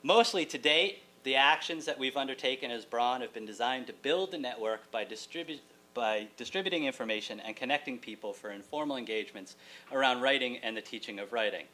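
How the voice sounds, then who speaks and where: Speaking in a mid-range voice that is expressive, brisk, and sharp, a middle-aged man delivers his keynote from a lecture hall podium. He teaches college writing, and his prepared talk is articulate and wry, with humorous asides. Hum and room noise come through on the distant camera's audio.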